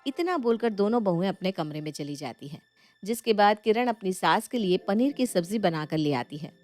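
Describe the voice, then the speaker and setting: A woman narrating a scripted bedtime story in a steady storytelling voice. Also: medium pitch, moderate pace.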